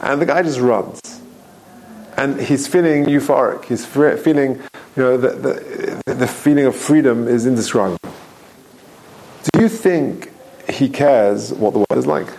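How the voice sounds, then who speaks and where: A man teaching a Torah class, reading Hebrew phrases slowly and explaining them with emphatic questions and a long story. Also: medium pitch, darkish tone, low-quality recording.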